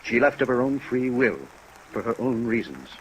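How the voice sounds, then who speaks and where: A man's voice: medium pitch, normal speed, natural voice, rough recording. An actor playing an earnest, dignified older American man jilted by his fiancée, speaking formally in 1950s radio drama style. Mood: insistent. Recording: 1950s radio recording with rain noise. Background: steady rain sounds.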